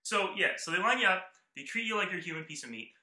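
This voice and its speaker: Man, podcast co-host, quick and animated storyteller, high bright tone, roomy echo. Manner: animated, acts out quoted lines. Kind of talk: casual chat, storytelling.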